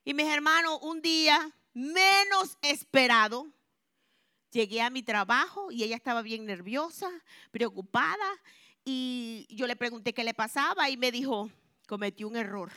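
A woman giving a religious testimony to a congregation, telling her story expressively and moving between hushed and loud. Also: high-pitched, animated, a little slow, dry recording, clean studio sound. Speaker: church member giving a testimony.

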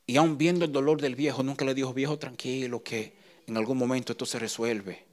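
A middle-aged man preaching a sermon, swinging from hushed, intimate lines to loud, emphatic ones. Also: medium pitch, fairly even intonation, fairly quick. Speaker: pastor.

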